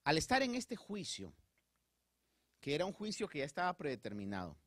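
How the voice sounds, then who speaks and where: Animated preaching man, dry close sound. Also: a little high, a little fast, no room sound. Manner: addresses the congregation directly with frequent check-ins; animated, preacherly delivery with rising emphasis. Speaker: pastor. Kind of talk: Spanish-language sermon.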